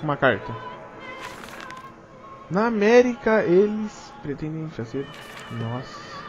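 A man's voice: on the high side, very animated, slow, muffled recording, faint music behind. A young man with a Brazilian Portuguese accent doing let's play commentary of a horror game, jumpy and swearing, talking to himself. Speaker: gaming youtuber.

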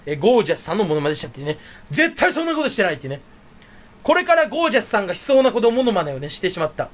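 A channel host talks solo on a casual chat stream in a high, very fast voice that swings widely in pitch, constantly leaping up and down. He wanders from one thought to the next, pokes fun at himself, and stumbles over repeated syllables while playing with words.

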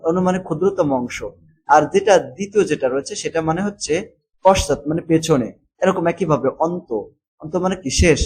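A man, teaching a textbook lesson and repeating words slowly, with fillers and English words mixed in. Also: on the high side, darkish tone, breathy edge, poor audio.

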